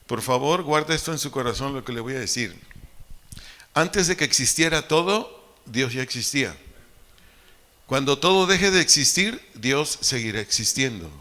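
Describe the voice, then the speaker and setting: A man with a Mexican accent preaching a sermon, slowly repeating his key phrases for emphasis. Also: mid-range voice, expressive, sharp tone. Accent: Mexican Spanish. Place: church hall. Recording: reverberant church hall.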